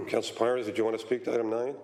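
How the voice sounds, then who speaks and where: A man serving as mayor, chairing a city council meeting in a measured way with frequent pauses and fillers. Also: mid-range voice, darkish tone. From Canada.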